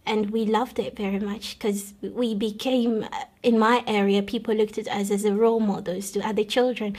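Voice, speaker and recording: A woman from the Democratic Republic of Congo speaks at a medium pitch in a flat, earnest tone. As a guest, she recounts her conversion story as personal testimony, measured and often pausing or starting over.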